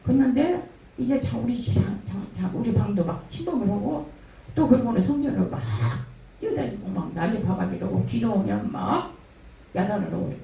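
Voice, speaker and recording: An older woman giving a spoken church testimony, telling her story with lively storytelling and acting out the words of others. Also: medium pitch, moderate pace, creaky. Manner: animated storytelling, acting out quoted dialogue. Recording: echoey room from a distance, faint noise.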